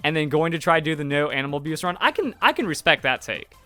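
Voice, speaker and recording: A young man giving casual reaction commentary on a game trailer, rambling with lots of "like" and quick asides. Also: on the high side, very animated, pushed and bright, faint music behind. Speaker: gaming YouTuber reacting to a trailer.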